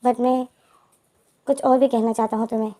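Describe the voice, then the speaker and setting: Play a woman lending her voice to a gentle young lover in a storybook retelling who hides his hurt. He speaks softly and hesitantly, apologizing through tears. The voice stays fairly high and warm. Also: fairly even intonation, normal speed, lightly acted.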